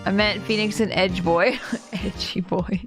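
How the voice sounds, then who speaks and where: A woman's voice: mid-range voice, fairly even intonation, measured pace, over music. A bubbly woman streamer chatting casually and self-mockingly through a live game playthrough.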